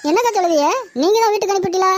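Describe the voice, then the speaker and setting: A woman's voice: extremely high pitch, racing, darkish tone. A woman doing a timid young village woman. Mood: worried. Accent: Tirunelveli Tamil. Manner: pleading, plaintive.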